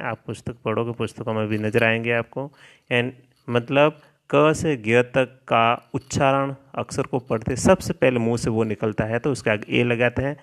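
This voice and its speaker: A man teaching a lesson, spelling out English words letter by letter and repeating each rule. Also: mid-range voice.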